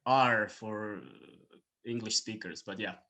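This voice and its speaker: A man from Croatia, speaking English as a second language, chatting casually as a podcast guest with lots of fillers and soft trailing endings. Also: on the low side, takes it slowly, a crowd in the background. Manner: relaxed, many fillers, trailing off quietly. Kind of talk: casual interview chat.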